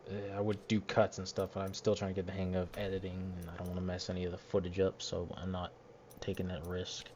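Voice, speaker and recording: Grumbling low-voiced man on a dull recording. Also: darkish tone, slight background noise. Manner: grumbling, annoyed and rambling. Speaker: gameplay commentator. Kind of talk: voice-over commentary over gameplay footage. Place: home recording setup, voiced after the footage.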